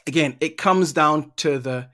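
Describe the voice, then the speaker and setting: A man's voice: a little high, measured pace, pushed and bright. A middle-aged man from Barbados, a leadership trainer answering interview questions in an easygoing way and often repeating words while he thinks.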